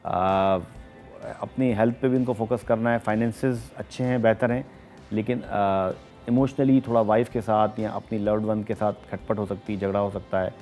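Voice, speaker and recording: A middle-aged man with a Pakistani accent talks through horoscopes in a low, mellow voice. He explains steadily, often pausing with hesitations. Faint music plays behind him. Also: steady tone. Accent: Pakistani Urdu. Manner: measured, explanatory, frequent hesitations. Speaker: astrologer. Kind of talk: studio talk show reading horoscopes.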